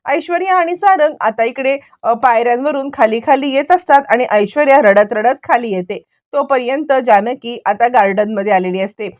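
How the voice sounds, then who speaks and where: Woman storyteller, high voice, brisk serial recap, dry close sound. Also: dry recording. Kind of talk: retelling a TV serial plot.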